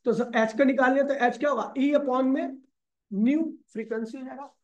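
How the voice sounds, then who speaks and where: A man's voice: extremely high pitch, fairly even intonation, fairly quick, dull audio. Man teaching physics to a class. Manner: asks the class questions and answers them himself; calls the students brother and kid. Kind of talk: classroom lecture.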